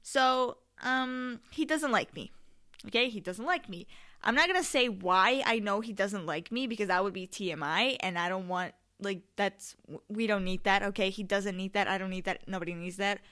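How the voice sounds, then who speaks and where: A woman's voice: mid-range voice, moderate pace, a bit bright. A young adult woman hosting a casual solo podcast in a candid, slangy, emphatic and rambling way, often swearing. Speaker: podcast host.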